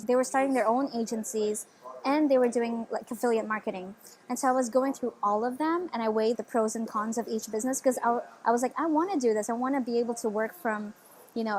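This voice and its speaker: A woman in her twenties from the Philippines eagerly tells her story as a guest in a casual interview, using lots of "like" and "you know." Her voice is on the high side, and the audio quality is poor.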